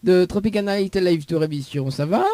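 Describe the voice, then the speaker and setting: High-voiced teasing radio host with a Réunion accent. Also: male voice, normal speed, mellow, dry recording. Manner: teasing, joking, laughs often. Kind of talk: live call-in radio game.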